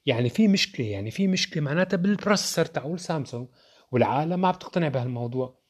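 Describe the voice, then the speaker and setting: Opinionated young male tech vlogger, Levantine accent, rapid delivery, slightly raspy tone. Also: fairly high pitch, lively intonation. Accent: Levantine Arabic. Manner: opinionated, rhetorical, addresses viewers directly. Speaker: tech reviewer. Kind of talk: casual tech opinion talk.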